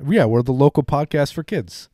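A man's voice: medium pitch, lively intonation, moderate pace, mellow, no room sound, studio quality. A young man co-hosting a podcast, rambling in casual banter with lots of fillers. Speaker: podcast co-host.

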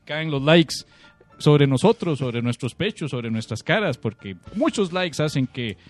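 A man's voice: on the high side, animated, a little slow, dry recording, soft background music. A Costa Rican man in his late thirties, hosting a comedy podcast, joking and laughing a lot. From Costa Rica. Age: 30s. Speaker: podcast host. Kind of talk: comedic casual chat.

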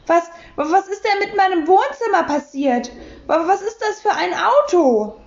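A woman voicing an agitated, stammering middle-aged man who shouts in a high, strained voice. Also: wildly swooping pitch, moderate pace, roomy sound, muffled recording, heavily acted. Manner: shrill and shouting.

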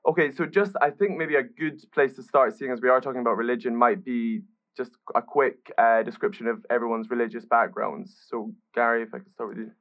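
A man's voice: medium pitch, fairly even intonation, brisk, a bit bright. A man hosting a podcast panel discussion, introducing guests and asking questions in a friendly way. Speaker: podcast host.

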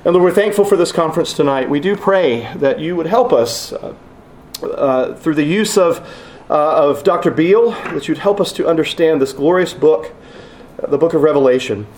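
A man, the host pastor, praying and introducing the speaker at a pulpit microphone, earnest and halting with many uhs. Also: fairly high pitch, a little mellow, roomy sound, a little hiss or hum. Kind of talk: opening prayer and introduction.

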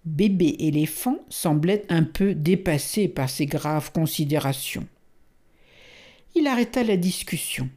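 A woman narrating a storybook in a calm, measured reading. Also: low-pitched.

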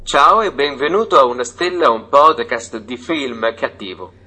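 A woman voicing a hammy mock-Italian podcast greeter with an exaggerated fake Italian accent, booming and theatrical. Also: animated, moderate pace, sharp tone, exaggerated voice. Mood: grand.

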